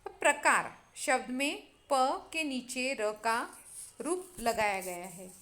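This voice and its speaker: A woman's voice: high-pitched, big pitch swings, fairly bright tone. A woman teacher giving a grammar lesson, spelling words out syllable by syllable and addressing her students directly. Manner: slow, spells out syllables one by one.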